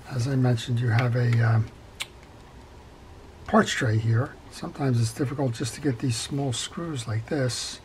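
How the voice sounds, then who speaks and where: A middle-aged man calmly talking through a step-by-step reel repair at his workbench, with frequent fillers as he works. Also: mid-range voice, a little hiss or hum, low-quality recording. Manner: calm, practical, talks while working, frequent fillers. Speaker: fishing reel repair instructor. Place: workshop bench.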